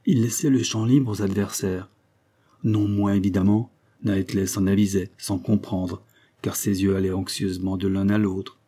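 A man narrates a story in a measured, even manner. His voice is low and husky, with a dark, mellow tone. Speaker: audiobook narrator. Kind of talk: scripted narration.

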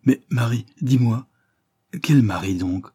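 A man voicing a small, stout elderly father in an audiobook, talking faintly and flatly at times. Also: mid-range voice, unhurried, breathy edge. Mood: delighted. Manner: speaks faintly, oddly flat and weary. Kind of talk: audiobook character reading.

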